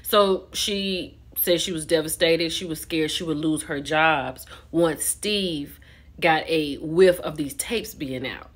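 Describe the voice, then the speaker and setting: An American woman in her thirties, her voice sitting low and her pace slow, delivers a casual vlog recap as an online gossip commentator. She's conversational and opinionated, leaning hard on key words.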